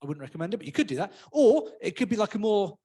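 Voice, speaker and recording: A man's voice: high voice, sing-song, fast, dark tone, husky. A man giving a casual, humorous sermon in a church, often acting out voices. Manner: chatty, humorous, acts out voices. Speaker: preacher.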